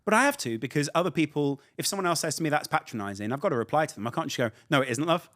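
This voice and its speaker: A man's voice: on the high side, sing-song, very fast, a bit bright, no echo, clean studio sound. A man with an East Midlands English accent, a podcast guest chatting casually, opinionated and rambling with frequent restarts. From England. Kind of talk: casual chat.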